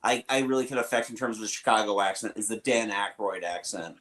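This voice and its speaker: A man's voice: fairly low pitch, fast talker, fairly bright tone. A middle-aged man with a Southern American inflection hosting a casual podcast, rambling and self-deprecating with chuckles between points. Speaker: podcast host.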